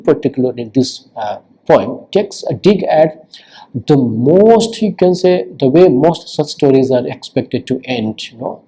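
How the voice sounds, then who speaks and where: A man giving a recorded literature lecture, explaining slowly, repeating words for emphasis and filling pauses with "you know" and "uh". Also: mid-range voice, gravelly, warm tone, breathy edge, rough recording.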